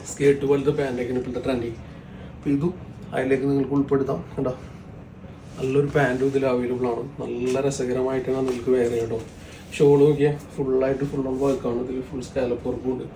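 A shop presenter from Kerala with a mellow voice pitches women's outfits, sprinkling lots of English into his Malayalam. His salesy patter is repetitive and full of tag words as he shows off products. The recording sounds roomy, with a distant mic and faint background noise.

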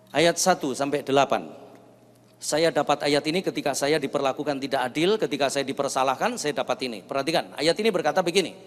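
Pastor, male, high-pitched, dynamic storyteller, big reverberant church hall. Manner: storytelling with acted quotes and big swings from loud to hushed. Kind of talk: sermon.

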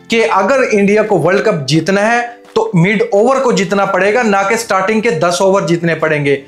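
Young man, high-pitched voice, cricket analysis to camera, rhetorical questions, roomy studio sound, faint music underneath. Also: a bit bright. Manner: rhetorical questions, mixing in English phrases. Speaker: cricket commentator. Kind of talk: opinionated match analysis to camera. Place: indoor studio set with armchair. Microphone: lapel mic.

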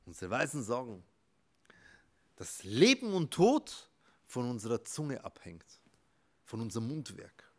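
A man, a rabbi, giving an emphatic motivational talk that swings between soft and loud. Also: mid-range voice, sing-song, measured pace, long pauses. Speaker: rabbi and therapist.

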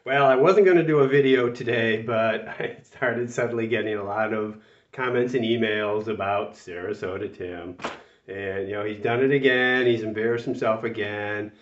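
A retirement channel host in his sixties, with a lowish voice and moderate pace, addresses the camera in exasperated, emphatic commentary, repeating words for stress. A cold makes him slightly nasal. He sits a few feet from the mic in a small indoor room with a whiteboard, so the sound is roomy, distant and a bit dull.

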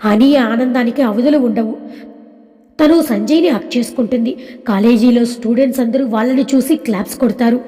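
A woman storyteller reading a scripted audio story in a steady, even manner. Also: on the high side, moderate pace. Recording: long hall reverb.

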